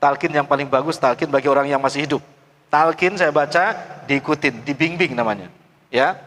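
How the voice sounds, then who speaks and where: A middle-aged man teaching Quran recitation in a class, drilling his students letter by letter and urging them to read out loud. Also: on the high side, a little fast. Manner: drills students call-and-response, coaxing them to read loudly. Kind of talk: classroom tajwid lesson. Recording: long hall reverb.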